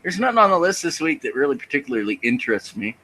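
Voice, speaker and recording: Bright-voiced profane man in his thirties. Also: mid-range voice, big pitch swings, quick pace, breathy edge, poor audio. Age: 30s. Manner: rambling, profane, self-deprecating. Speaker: podcast host. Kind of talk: casual chat.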